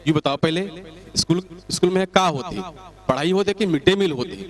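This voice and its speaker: A man's voice: on the high side, fairly quick, lightly acted. A man voicing an easygoing rustic village teacher who talks in a drawling country dialect. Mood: matter-of-fact.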